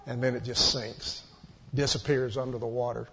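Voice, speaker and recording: A man's voice: mid-range voice, level tone, moderate pace, vocal fry, fairly bright tone, a little hiss or hum. A man preaching a sermon, earnestly explaining Greek word meanings and urging his congregation on. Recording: dull lo-fi church recording.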